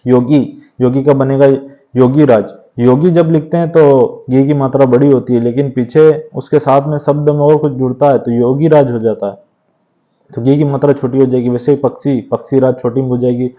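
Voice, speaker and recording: A man teaching an exam revision class, explaining steadily and often checking in with a quick tag question. His voice is mellow and relaxed, at an ordinary pitch. The recording sounds somewhat dull and lo-fi. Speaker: Hindi grammar teacher.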